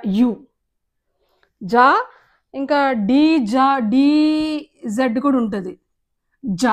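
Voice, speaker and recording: High-pitched telugu lady teacher, slow patient drilling of english sounds, says each word over and over. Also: darkish tone. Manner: patient, repeats words slowly and drills sounds. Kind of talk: explanatory lesson on pronunciation.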